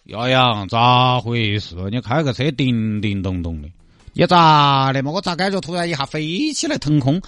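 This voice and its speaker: A man's voice: medium pitch, moderate pace, a bit bright, no echo, soft background music, close to an everyday voice. Man voicing a Sichuan drunk, sleepy drawl, dry recording. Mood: puzzled. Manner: drowsy, drawling, easygoing. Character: drunk, sleepy brother-figure car owner, male.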